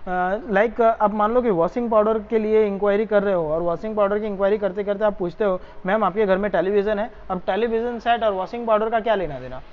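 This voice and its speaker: A woman's voice: mid-range voice, quick pace, hardly any pauses. A woman tutor works through an exam solution step by step and keeps checking that students follow. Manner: explains step by step, checks understanding with "is that clear". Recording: muffled lo-fi recording.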